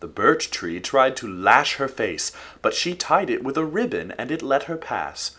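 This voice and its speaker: A man reads a folk tale aloud in a steady, expressive way. His voice is slightly husky, and his pitch moves a lot as he tells the story. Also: measured pace. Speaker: narrator. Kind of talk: storybook narration.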